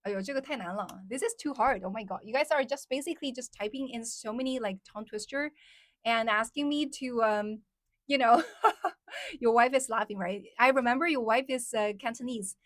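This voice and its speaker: On a casual live stream, a mainland Chinese woman with Mandarin as her first language talks in English to her viewers, chatting, laughing frequently, and replying to comments. She speaks a little fast in a slightly high voice, and the sound is close and dry with almost no echo.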